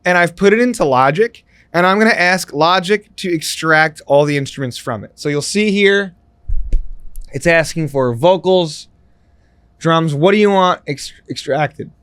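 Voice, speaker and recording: A man's voice: on the high side, a little slow, fairly bright tone, clean tone. A man talking to camera as a music YouTuber, explaining things casually and then ranting, repeating himself as he gets worked up.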